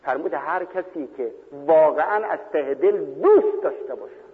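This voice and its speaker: A man delivers a sermon, telling the story and breaking into loud, impassioned cries at its high points. His voice sits somewhat high. It comes through a thin, phone-like old radio broadcast with a long reverb trailing behind it. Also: lively intonation. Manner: rises to loud impassioned cries when quoting. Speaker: preacher.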